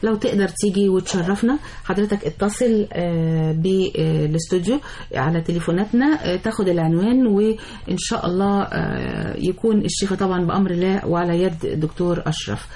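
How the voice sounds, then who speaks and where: A woman with an Egyptian accent hosting a live call-in radio show, polite and brisk as she steers the callers. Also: lowish voice, dark tone. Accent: Egyptian Arabic.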